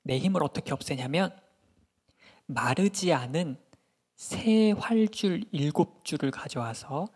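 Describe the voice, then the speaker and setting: A mighty strongman spills a false secret in an unhurried, hushed, confiding drawl, voiced by a man. The voice is husky and sits near an ordinary speaking pitch. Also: lively intonation, full character voice. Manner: slow, low, confiding.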